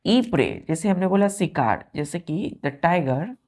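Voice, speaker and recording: In a lowish, sing-song voice with a slightly mellow quality, a woman slowly teaches vocabulary. She breaks words down letter by letter, checking in frequently with a "clear?" to see that her students follow.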